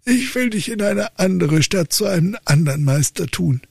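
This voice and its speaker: A man voicing an old count, an angry father who scolds his son in a high, strained voice. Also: animated, moderate pace, vocal fry, slightly rough, no room sound, studio quality, full character voice. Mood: furious. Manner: shouting in high strained outrage.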